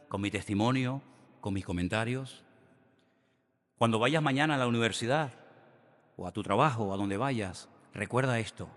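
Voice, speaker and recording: A middle-aged man, preaching a sermon as a pastor with animated storytelling that moves between hushed and emphatic. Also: lowish voice. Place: church hall. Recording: reverberant church hall.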